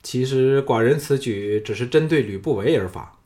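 A man voicing a young, proud and scheming king who is uneasy before his general, speaking in a raised, forceful voice in an audiobook. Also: mid-range voice, animated, moderate pace, natural voice.

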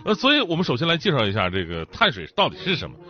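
Rapid-fire and full of huge pitch swings, a man's mid-range voice carries a chatty, laugh-filled comic monologue as a stand-up talk show host. His sore mouth from an ulcer makes the words thick and swollen-tongued, over dull lo-fi audio and faint music.

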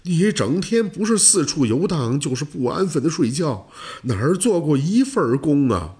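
A man voicing an anxious, quick-tempered aging shepherd father who frets and scolds. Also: a little high, sing-song, a little mellow. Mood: fretful.

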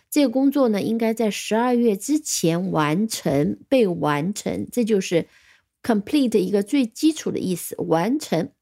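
A woman's voice: mid-range voice, warm tone. Patient woman teaching English vocabulary. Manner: patient, spells words letter by letter; explains in Chinese with English examples. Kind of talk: recorded vocabulary lesson.

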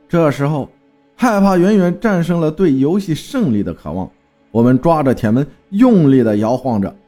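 A man's voice: fairly high pitch, sing-song, moderate pace, mellow, faint music behind. A man telling a first-person horror story with dramatic storytelling and terse spoken commands.

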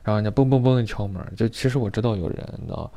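A man's voice: lowish voice, rapid-fire, mellow, no echo. A man telling a story in a rambling, casual way, repeating words often. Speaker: vlogger.

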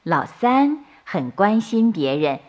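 A woman tells a bedtime story to young children. She speaks slowly and gently, and her melody rises and falls in a lively sing-song. The pitch sits at a middle height.

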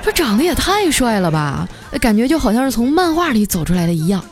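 A woman host narrating a funny everyday story in a playful, animated way. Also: a little high, fairly quick, soft background music. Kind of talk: comic bedtime story narration.

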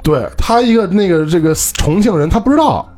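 A man's voice: high voice, animated, brisk, darkish tone, faint music behind. A man from Beijing with a Beijing accent, chatting casually as a podcast co-host and telling stories while checking that listeners follow. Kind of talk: casual chat.

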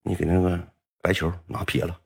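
A man's voice: low-pitched, fairly even intonation, brisk, voice pushed down, heavily acted. A man voicing a drunk teenage bully who growls threats and curses. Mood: threatening. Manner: gruff, threatening, cursing.

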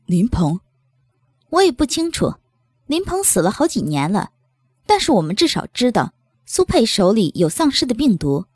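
A woman's voice: on the high side, very animated, normal speed, a little mellow, breathy edge, dry recording, studio quality. A woman reading an audiobook voices a sly, teasing base leader who talks in a light, giggly way. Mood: grave.

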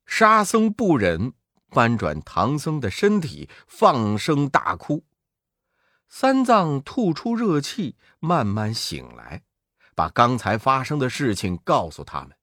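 A man telling a children's story in an expressive, sing-song way. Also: mid-range voice, takes it slowly, no echo, studio quality.

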